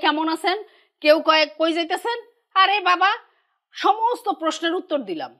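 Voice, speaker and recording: An actress playing a quick-tempered, scolding middle-aged mother. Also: bright, forceful tone. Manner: scolding, shrill, ranting.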